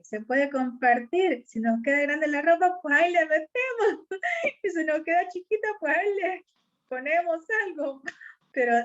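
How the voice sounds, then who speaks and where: A woman giving an earnest, conversational sermon and addressing her listeners as sisters. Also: on the high side. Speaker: preacher at a women's church meeting. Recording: dull lo-fi recording.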